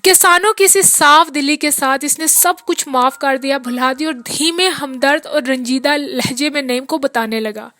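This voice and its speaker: A woman narrating a novel as an audiobook in a measured literary reading. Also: high-pitched, sharp tone, faint music behind.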